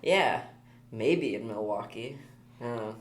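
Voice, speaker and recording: A man's voice: medium pitch, expressive, measured pace. A man co-hosting a podcast, chatting casually in an easygoing way with dry quips. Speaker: podcast co-host. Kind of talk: casual chat. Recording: echoey room.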